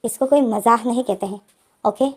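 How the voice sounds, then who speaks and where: Woman doing a withdrawn young man in a storybook retelling, high and mellow, firm and distant; light acting. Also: normal speed, lightly acted. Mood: cold, firm. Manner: firm, pushing away.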